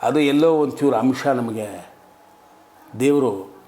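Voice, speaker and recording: A man's voice: medium pitch, slow, dark tone. A man in his sixties, an interview guest and comic actor, telling his story in an earnest, reflective way. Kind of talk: casual interview talk.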